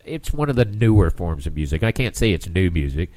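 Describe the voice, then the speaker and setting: A man's voice: sits low, sing-song, brisk, a little mellow, dry recording. A male radio host with a stuffed-up nose, chatting in a rambling way and often restarting his phrases. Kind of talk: casual radio interview.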